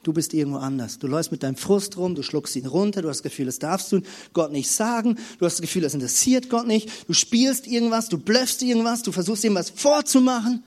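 Male preacher, high voice, emphatic sermon delivery, loud to hushed. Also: expressive, quick pace, hardly any pauses. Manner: emphatic, swings between loud passion and quiet intimacy.

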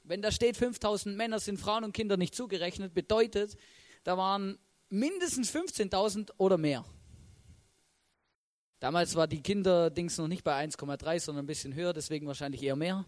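Very high-voiced animated male preacher. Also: a little fast. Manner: animated, peppers sentences with "hey" and "oder?"; acts out characters' reactions in a raised voice. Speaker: church leader preaching. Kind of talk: sermon.

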